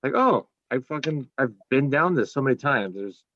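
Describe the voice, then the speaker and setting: A man co-hosting a casual music podcast, rushing through a rambling list with casual swearing. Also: mid-range voice, expressive, no echo. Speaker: podcast co-host. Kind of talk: casual chat. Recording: dull, dry lo-fi mic.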